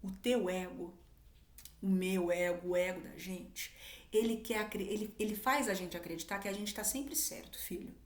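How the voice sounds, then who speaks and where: A woman's voice: mid-range voice, fairly even intonation, normal speed. Earnest woman, echoey room. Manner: earnest, keeps saying "my son" as if speaking to a child. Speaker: spiritual teacher. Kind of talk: spiritual advice talk.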